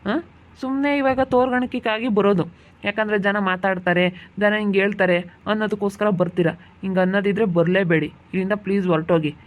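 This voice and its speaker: A high-sitting male voice, fast and natural with a flat delivery, portrays an angry young husband who guards his ailing wife. He keeps scolding, heated and repetitive, in this amateur village family drama.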